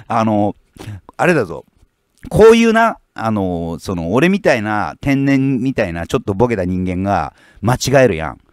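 A low-voiced man rants at his commenters in a blunt, scolding way. His pitch swings widely as he rambles between fillers. The sound is close and dry. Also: sing-song, moderate pace, no echo. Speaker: fishing YouTuber. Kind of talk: casual rant reading out viewer comments.

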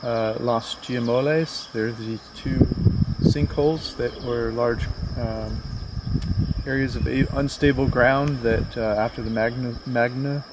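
The background is very noisy as a middle-aged man, medium-pitched and unhurried, shows viewers around an island from a green hillside. His travel-vlog narration is loose and relaxed, wandering the way a tour guide's chatter does.

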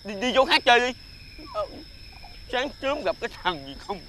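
A mocking village incense seller scolds and brushes people off. His voice is high and lively, with a bright, forceful edge. Faint outdoor noise sits behind him. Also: moderate pace, heavily acted. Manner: brusque and scolding, talks down. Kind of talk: TV folk-tale drama acting.

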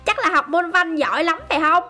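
A woman giving excited, chatty game commentary to her viewers. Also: extremely high pitch, fairly quick, noisy background. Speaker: gaming YouTuber.

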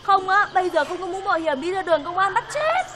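A woman's voice: extremely high pitch, very animated, fast talker, very noisy. A woman acting in a comedy sketch, coaxing and sweet-talking in her requests.

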